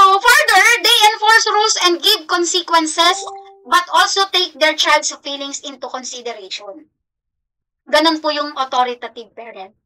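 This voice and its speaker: A Filipino woman teaches a class with a very high, bright voice. She mixes Tagalog and English and keeps checking in with her students as she explains. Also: poor audio. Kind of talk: classroom lecture.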